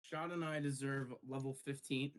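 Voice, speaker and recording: A man's voice: mid-range voice, steady tone, normal speed. A man playing in a tabletop game, tossing in wry, joking asides. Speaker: player. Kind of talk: casual tabletop play.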